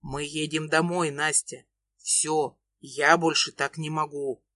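A woman voicing a desperate young man in love, speaking in a low pleading growl. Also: little pitch movement, slow pace, fairly bright tone, no echo, full character voice. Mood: angry. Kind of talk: audiobook reading.

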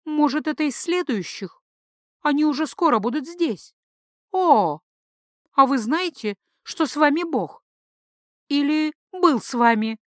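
Mad blind priestess for an audiobook, raised high pitch, erratic, flirty then shrieking, played by the woman reader. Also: expressive, measured pace, pauses often, dry recording, clean studio sound. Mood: agitated. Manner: flighty, swings between coy and shrieking prophecy.

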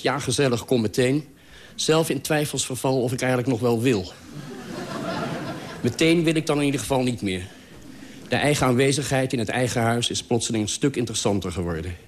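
A man's voice: mid-range voice, a little hiss or hum. A man with an ordinary mid-range voice reads a humorous radio column. His delivery is dry and self-mocking, and his jokes are understated. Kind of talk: humorous scripted column reading.

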